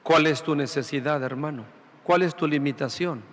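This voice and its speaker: A man's voice: fairly high pitch, moderate pace, a bit bright, big-room sound. A man who is a priest, preaching a Sunday sermon through rhetorical questions and repeated phrases. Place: large church sanctuary.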